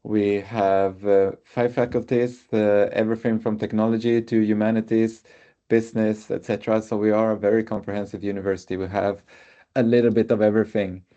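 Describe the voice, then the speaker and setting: A native Swedish speaker with a Swedish accent represents his university in a webinar, his lowish, dark voice moving fairly quickly with little pitch variation. He uses many hesitant filler sounds, and the webinar audio is muffled.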